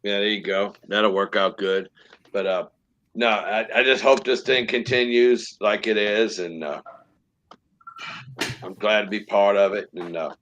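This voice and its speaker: A man's voice: fairly low pitch, measured pace, fairly bright tone, highs cut off, a little hiss or hum. A man in his late fifties chatting frankly as a guest on a live stream, often restarting and repeating words. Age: 50s. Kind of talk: casual live-stream chat.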